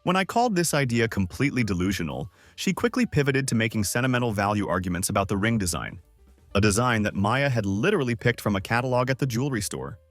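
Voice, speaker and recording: A man's voice: medium pitch, fairly bright tone, no echo. A man narrating a scripted first-person story in a dry, sardonic manner.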